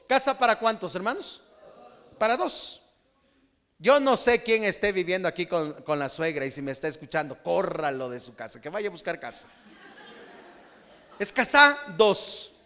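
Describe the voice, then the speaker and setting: A middle-aged man preaching a humorous, animated sermon as a pastor. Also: sits high, big-room sound.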